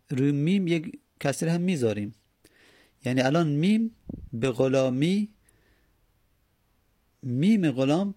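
A man's voice: on the high side, creaky, mellow, no echo, studio quality. A man teaching a grammar lesson, patiently repeating and spelling out each step. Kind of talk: Arabic grammar lesson in Persian.

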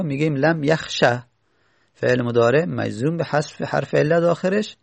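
A man's voice: fairly high pitch, creaky, no room sound. A man teaching an Arabic grammar lesson, patiently repeating each rule and example step by step. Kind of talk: explanatory lesson.

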